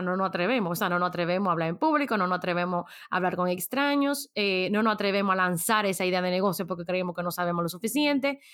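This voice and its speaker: A woman talks at an ordinary mid pitch in a loose, chatty motivational style. She keeps turning questions back on the listener as she coaches them. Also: a bit bright. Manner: conversational, asks listeners many rhetorical questions. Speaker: motivational speaker. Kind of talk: casual motivational talk.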